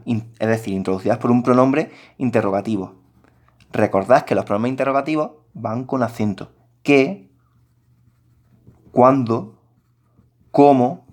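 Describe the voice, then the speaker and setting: A man's voice: fairly low pitch, darkish tone. A man teaching a recorded grammar lesson, explaining patiently and addressing his students directly.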